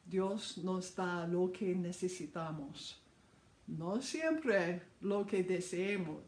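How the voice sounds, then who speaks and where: A preacher reading a sermon aloud, slow and deliberate, with occasional stumbles and restarts. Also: medium pitch, a little mellow. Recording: roomy echo.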